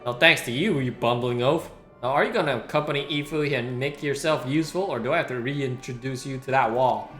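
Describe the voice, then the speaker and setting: A game streamer reading the lines of a fierce, sharp-tongued middle-aged mother and wife in a brusque, scolding way. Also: medium pitch, fairly quick, hardly any pauses, close to an everyday voice. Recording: roomy sound with game music.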